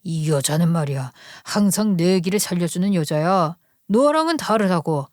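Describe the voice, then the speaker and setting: A woman's voice: on the low side, animated, normal speed, darkish tone, no room sound, clean studio sound, lightly acted. A woman voicing a middle-aged cheating husband who sneers and blames his wife. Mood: scornful. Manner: sneering, contemptuous.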